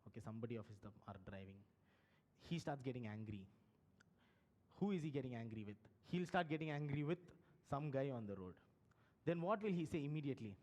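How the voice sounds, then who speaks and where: A man's voice: mid-range voice, animated, brisk, long pauses, a little mellow. A man with a Telugu-tinged Indian English accent preaching a live sermon as pastor, firing questions at the congregation and acting out voices.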